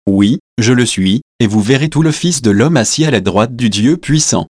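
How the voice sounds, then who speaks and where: Brief: man reading Jesus, solemn and steady, a mid-pitched voice in a dry close recording. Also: normal speed, no room sound, close to an everyday voice. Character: Jesus, calm grown man facing death.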